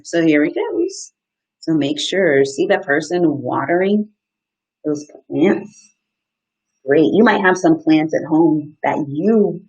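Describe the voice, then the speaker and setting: Hosting a children's story time on a live stream, a woman in her thirties who works as an outdoor educator reads aloud, pausing for questions and simple, encouraging explanations. She has a deep, breathy voice. Captured by a webcam at desk distance in a small indoor room, the recording is low quality.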